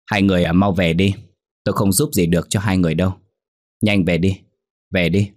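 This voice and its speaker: A stern old fortune teller, curt and firm, waving people off with forceful commands, as a man voices him. The voice is deep and husky, with a dry, close sound. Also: fairly even intonation, brisk, dry recording.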